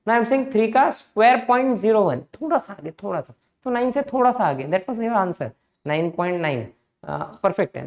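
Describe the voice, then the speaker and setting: A man, teaching maths in a brisk lecture and coaxing students through each step. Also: high voice, darkish tone. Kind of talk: lecture mixing Hindi and English.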